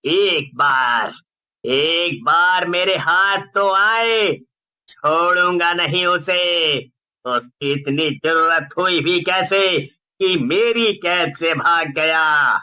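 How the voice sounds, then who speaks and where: A man's voice: fairly high pitch, very slow, pushed and bright, smooth, exaggerated voice. A man voicing a menacing male ghost who steals children, gloating and threatening in a cartoon story. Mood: furious. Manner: gloating, threatening, mocking laughter. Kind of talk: cartoon voice acting.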